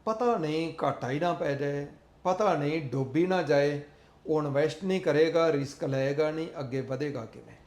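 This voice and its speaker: A man's voice: mid-range voice, darkish tone. Earnest motivational speaker, man, echoey room. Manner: earnest, repetitive, sermon-like delivery. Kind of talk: motivational talk.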